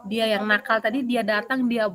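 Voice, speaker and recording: Woman, PE teacher, fairly high voice, animated storytelling, video call. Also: normal speed. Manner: animated storytelling with many fillers. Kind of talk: answering interview questions.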